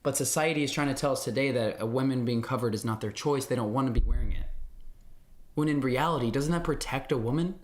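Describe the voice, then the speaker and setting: A man's voice: mid-range voice, quick pace. Young man, livestream host, casual, rambling, playful, talking to viewers. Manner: rambling, playful, talks to chat.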